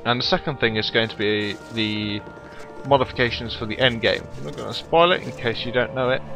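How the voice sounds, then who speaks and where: A man chats through a gameplay recording, explaining his choices and joking at his own expense. His voice sits at an average pitch. Faint game music plays underneath him. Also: a little fast, vocal fry. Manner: chatty, explanatory, self-deprecating. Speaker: let's play commentator. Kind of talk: casual gameplay commentary.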